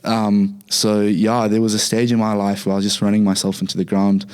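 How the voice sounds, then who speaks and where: A young man from Zimbabwe with a Zimbabwean accent, chatting relaxed as a podcast guest, with many fillers and restarts. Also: lowish voice, fairly quick, clear, resonant tone. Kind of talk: casual interview talk.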